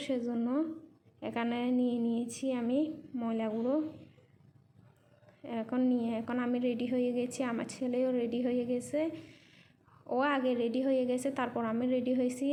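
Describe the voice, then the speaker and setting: A woman's voice: a little high, warm tone, a little hiss or hum. A woman narrating a casual vlog as a non-native Bengali speaker with a Chittagong-influenced accent, repeating and rephrasing things in simple words. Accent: non-native Bengali with Chittagong regional influence. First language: not Bengali. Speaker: vlogger and mother living in Malaysia.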